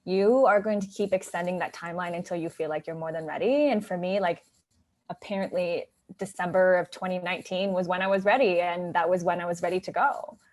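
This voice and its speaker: A woman's voice: on the low side, a little fast. A woman in her thirties, a guest consultant talking casually in an interview, with lots of "like" and "you know". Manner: chatty, many "like" and "you know" fillers.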